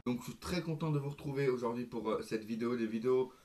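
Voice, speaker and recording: Hoarse eager man vlogging. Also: medium pitch, fast, over loud music. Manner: eager, hesitant, many fillers. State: hoarse, voice nearly gone. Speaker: wrestling fan vlogger. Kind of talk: casual predictions vlog.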